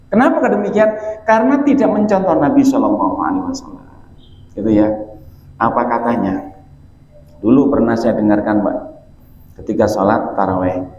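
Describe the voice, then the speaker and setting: A man's voice: high-pitched, darkish tone. Male preacher, folksy and teasing, muffled echoey mosque recording. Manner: folksy and joking, addressing listeners directly. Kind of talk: evening mosque sermon.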